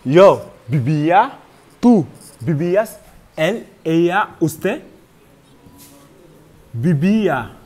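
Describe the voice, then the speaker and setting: A man's voice: high-pitched, expressive, takes it slowly, pauses often, darkish tone. A man with a Senegalese French accent teaching a grammar lesson, patiently spelling out verb forms one by one.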